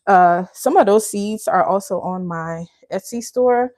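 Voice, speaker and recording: A woman from Liberia runs a live cooking stream, chatting with viewers she calls y'all and laughing frequently. Her mid-range voice has a darkish tone and a measured pace, recorded dry with clean studio sound.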